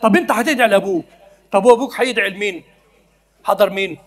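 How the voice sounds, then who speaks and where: A male preacher speaks quickly and at a high pitch with an Egyptian Arabic accent. His sermon is conversational, peppered with questions to listeners and his own laughter.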